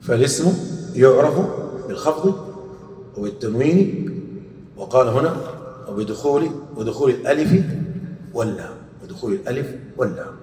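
A man's voice: expressive, dark tone. Man lecturing from afar in an echoey hall. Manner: asks questions and answers them himself; repeats quoted verses and key phrases slowly. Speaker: grammar teacher. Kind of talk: classroom lecture on grammar. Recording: echoey hall, distant mic, faint rumble.

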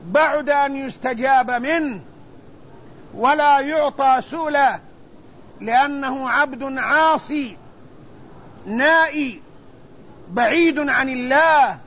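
A man with a strikingly high voice preaches a religious sermon, taking his time over each phrase. He repeats key lines with solemn weight. The recording is dull and lo-fi, with faint noise underneath. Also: a bit bright. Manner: slow, measured delivery with solemn repetition.

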